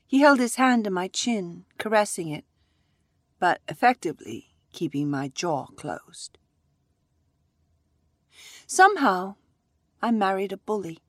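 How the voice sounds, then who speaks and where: A woman narrating a first-person story in a measured, reflective way. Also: medium pitch, animated, no room sound, clean studio sound.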